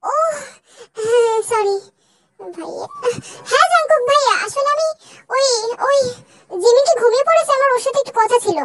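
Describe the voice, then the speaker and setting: A woman's voice: extremely high pitch, moderate pace, pauses often, very noisy, pitched above the performer's own voice. A young woman voicing a shy, nervous college girl who stammers when flustered, in a fan dub drama.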